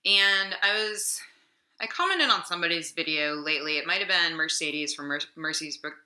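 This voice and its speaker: This book vlogger, a young woman, has a low-pitched, expressive voice with a sharp tone at normal speed. She rambles casually through her weekly reads, slightly sick and heavy on fillers, with echo from the room at home she records in.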